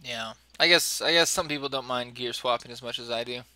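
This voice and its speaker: A man co-hosting a podcast, chatting casually about listener-sent game items in a relaxed way. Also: medium pitch, a little fast, clear, resonant tone, no room sound. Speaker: podcast co-host. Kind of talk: casual gaming chat.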